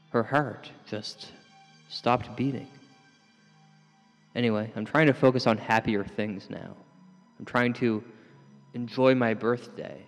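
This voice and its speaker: A man with a deadpan, rambling manner doing scripted comic narration. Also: mid-range voice, long reverb tail. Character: oblivious shady man narrating his own story.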